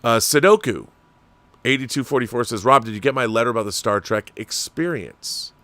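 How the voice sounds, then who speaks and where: A Washington state man with an American accent hosts a livestream in a medium-pitched, expressive, bright, forceful voice, speaking a little fast with no echo. He meanders conversationally through opinions, uses rhetorical questions, and reads and answers viewer messages.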